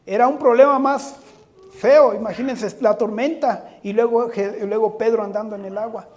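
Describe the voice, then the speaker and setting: A man's voice: high voice, steady tone, normal speed, a little mellow, faint music behind. A man preaching a sermon, speaking earnestly, often putting rhetorical questions to the congregation and addressing them directly.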